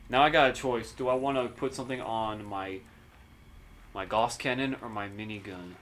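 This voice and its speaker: A man's voice: fairly low pitch, normal speed, fairly bright tone, slight background noise. A man chatting casually and playfully in slang as he plays a video game and comments on it. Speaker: gamer playing and commenting. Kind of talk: casual gameplay banter.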